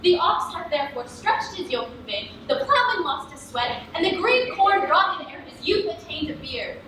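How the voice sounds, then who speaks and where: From far off in an echoey space comes an actress as a proud, angry fairy queen. She declaims in hammy Shakespearean stage style, her voice high and bright. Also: sing-song, normal speed, exaggerated voice. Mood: indignant. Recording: distant echoey stage capture with faint noise.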